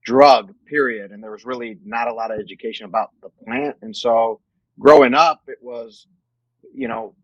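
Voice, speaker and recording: Male guest from Mexico, about forty, mid voice, deliberate answers, dry recording. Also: medium pitch, animated, vocal fry, no room sound, dull audio. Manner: measured, restarts phrases while thinking. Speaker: guest, company executive. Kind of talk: casual interview.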